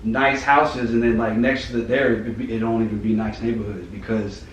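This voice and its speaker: A man's voice: on the low side, little pitch movement, moderate pace. A young man from Florida hosting a casual podcast chat, laid-back and curious, laughing easily. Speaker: podcast host. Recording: echoey room, mic at a distance, faint noise.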